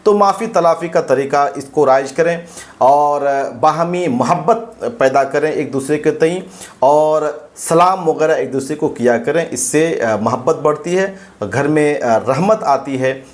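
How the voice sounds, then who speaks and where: A man's voice: fairly high pitch, a little slow. A man gives an earnest religious advice talk, repeating phrases for emphasis. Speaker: religious speaker.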